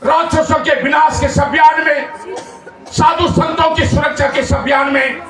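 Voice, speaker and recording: A man's voice: very high-pitched, level tone, moderate pace, over music, pitched above the performer's own voice. A man with a Garhwali accent voicing a small, humble female squirrel who pleads to help. The recording is echoey and distant. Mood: pleading. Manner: pleading, repetitive. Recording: echoey, distant, faint crowd noise.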